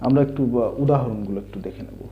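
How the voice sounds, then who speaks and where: A man teaching English sounds in a slow explanatory lesson, spelling out letters and patiently repeating each word. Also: medium pitch. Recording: dull lo-fi recording.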